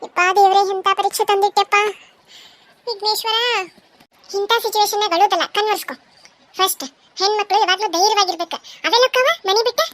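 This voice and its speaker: Bossy village mom, high voice, scolding, north karnataka kannada accent, cartoon. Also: female voice, steady tone, fast, no room sound. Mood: stern. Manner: scolding, firm, loud. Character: stern caring older village mother.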